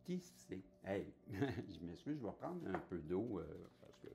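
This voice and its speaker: Slow, deep-voiced man. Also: very animated, creaky, mellow. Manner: chatty, laughs often, reads cards aloud. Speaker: card reader. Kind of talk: oracle card reading.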